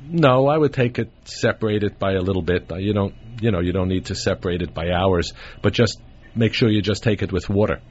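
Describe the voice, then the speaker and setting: Low-voiced male radio host taped off the radio. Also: brisk. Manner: plain, matter-of-fact answers with fillers. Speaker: radio call-in show host. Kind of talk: call-in radio talk. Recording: dull radio taping, faint hiss.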